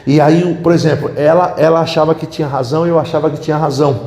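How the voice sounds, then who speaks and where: A middle-aged man, preaching to couples in a lively, humorous way and questioning the audience. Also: a little high, fast. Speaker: pastor. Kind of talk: sermon at a couples' retreat. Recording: echoey hall.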